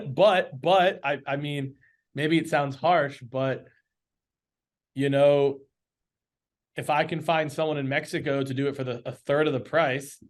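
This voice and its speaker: Over a video call, a man who runs an agency talks casually as a podcast interview guest. He's earnest, animated and quick to laugh, with a fairly high-pitched voice.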